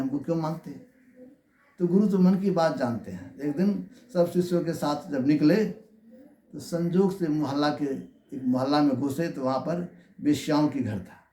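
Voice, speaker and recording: A man's voice: a little high, warm tone, a little hiss or hum. A man preaching a devotional sermon in the manner of a wise sage, instructing and telling stories. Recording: echoey, reverberant room.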